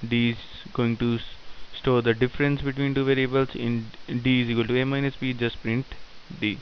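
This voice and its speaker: A man teaching programming in a screen-recorded tutorial, dictating code in short halting phrases. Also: mid-range voice, little pitch movement. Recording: dull lo-fi sound with faint hiss.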